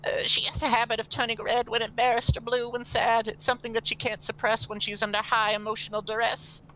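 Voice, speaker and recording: A man doing a meek young cat-girl captive in high falsetto. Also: monotone, fairly quick, pushed and bright, low-quality recording. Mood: submissive. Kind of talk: reading fan fiction aloud.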